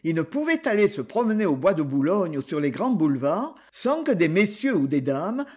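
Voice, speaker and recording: A man reading a novel aloud as an audiobook narrator, expressive and giving the characters' lines their own tone. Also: high voice, normal speed, husky. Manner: expressive reading, voicing characters with quoted dialogue. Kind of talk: scripted narration.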